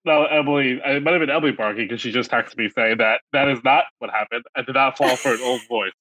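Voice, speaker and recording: A man's voice: mid-range voice, quick pace, dry recording, poor audio. A man co-hosting a casual podcast, talking in a loose, rambling way with plenty of fillers. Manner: animated, rambling with many fillers. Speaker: podcast co-host.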